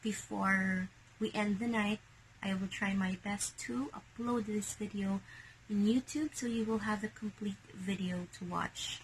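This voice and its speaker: Hushed Filipino woman selling bags. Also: medium pitch, fairly even intonation, measured pace, a little hiss or hum, rough recording. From Philippines. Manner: hushed, half-whispering late at night. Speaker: online seller showing secondhand bags. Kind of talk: casual selling vlog.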